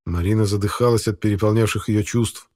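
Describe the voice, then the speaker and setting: A man narrating an audiobook in a steady, even storytelling manner. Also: fairly low pitch, a little fast. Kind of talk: scripted narration.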